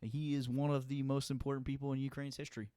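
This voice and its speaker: A man co-hosting a soccer podcast, excitable and rambling, swearing freely. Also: medium pitch, quick pace, smooth, dry recording. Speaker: podcast co-host. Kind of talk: casual chat.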